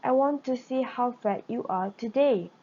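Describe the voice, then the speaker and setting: Shrill shouting witch, read by a woman. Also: moderate pace, highs cut off, slight background noise, close to an everyday voice. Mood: coaxing. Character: evil impatient old female witch.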